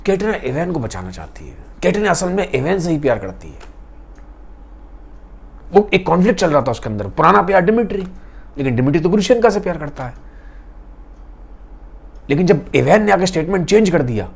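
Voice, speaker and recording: A man's voice: fairly high pitch, sing-song, fairly quick, vocal fry, pauses often, breathy edge. A man retelling a classic novel in a casual, conversational and dramatic storytelling style.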